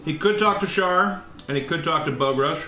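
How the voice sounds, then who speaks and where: Casual higher-voiced man at a game table. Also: moderate pace. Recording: roomy table recording, faint music.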